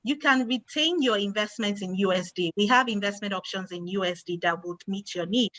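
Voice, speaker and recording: A woman's voice: medium pitch, a little fast, fairly bright tone, dry recording, low-quality recording. Woman explaining investing, dry sound. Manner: patient, explains plainly, stresses key words. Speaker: investment expert guest. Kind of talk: explanatory Q&A answers.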